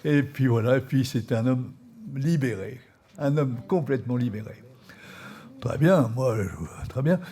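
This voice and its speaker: A priest giving a spiritual training talk, telling an anecdote with many fillers and soft chuckles. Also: male voice, medium pitch, animated, a little slow, slightly rough. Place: live session before an audience.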